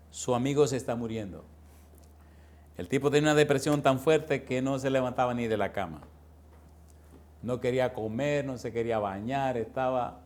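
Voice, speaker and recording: A man's voice: mid-range voice, darkish tone. A man preaching a sermon, firing rhetorical questions at the congregation and calling listeners pet names. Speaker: pastor.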